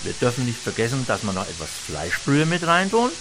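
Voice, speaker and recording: Very animated and a little fast, a medium-pitched man explains his cooking against a noisy background. He's a restaurant chef from Franconia, Germany, with a Franconian German accent, and his demonstration chat is homely and rambling with many hesitations.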